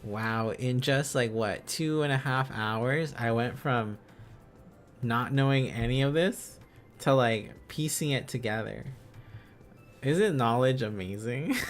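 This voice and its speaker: Soft background music accompanies an expressive man with a medium pitch who takes things slowly. He's a streamer learning Korean script during a casual live lesson. He thinks aloud, repeating phrases and syllables as he decodes letters and words.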